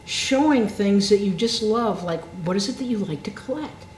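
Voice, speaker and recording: A woman's voice: mid-range voice, expressive, moderate pace, a little mellow. Enthusiastic woman guest in an echoey room. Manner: enthusiastic, reflective. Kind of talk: casual chat. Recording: echoey room with faint noise.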